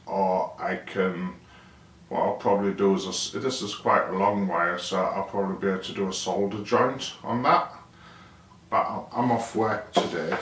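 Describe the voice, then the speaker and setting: A DIY vlogger presents his project in a casual, unscripted, hands-on explanation, rambling, thinking aloud and asking himself questions as he goes. His voice sits fairly low and sounds a bit bright. The recording is roomy and noisy, captured on a distant mic with clicks.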